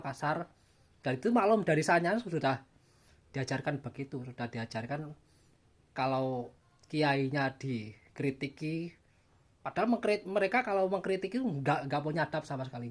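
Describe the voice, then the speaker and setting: Male channel host, casual opinion monologue; emphatic, repetitive, wry and mocking. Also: mid-range voice. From Java, Indonesia. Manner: emphatic, repeats himself, mocking asides.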